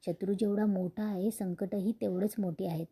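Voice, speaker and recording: A woman voicing a calm, wise elderly grandmother who speaks soothingly. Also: mid-range voice, normal speed, slightly rough. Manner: soothing, advising.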